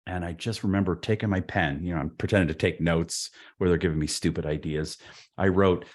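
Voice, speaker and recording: A man with a fairly low voice talks as a guest in a relaxed, wry way. His stories wander, full of restarts and fillers. The tone stays easygoing and unhurried. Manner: rambling with frequent restarts and fillers; laid-back, wry. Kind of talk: casual anecdotal storytelling.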